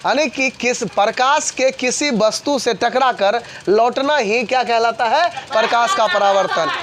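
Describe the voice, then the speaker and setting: A man teaching a physics class to students. He talks fast and keeps repeating questions for the class to answer back. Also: extremely high pitch, noisy background. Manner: fast, repetitive call-and-response questioning.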